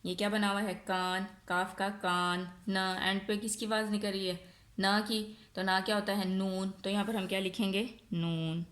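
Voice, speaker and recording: A woman with a Pakistani accent, a nursery teacher giving a recorded online lesson, asking questions and answering them herself, stretching words out slowly. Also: medium pitch, steady tone, fairly bright tone. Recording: echoey room.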